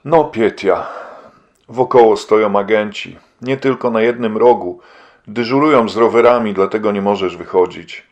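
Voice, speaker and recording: A man's voice: on the low side, normal speed, muffled recording, natural voice. A man reading an audiobook and voicing an anxious, devout wife who speaks in an earnest, pleading way.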